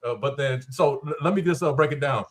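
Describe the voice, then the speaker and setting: A man's voice: mid-range voice, fairly quick. A man hosting a podcast panel, arguing and challenging the other guests in a heated debate. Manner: argumentative, challenging. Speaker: podcast host.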